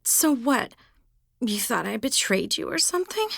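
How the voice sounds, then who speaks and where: A sarcastic dead teenage girl, lifted high and teasing, as a woman narrator puts her on. She needles and mocks in a bright, bouncy tone. The audiobook recording is close and dry. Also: sing-song, moderate pace, creaky, no room sound, full character voice.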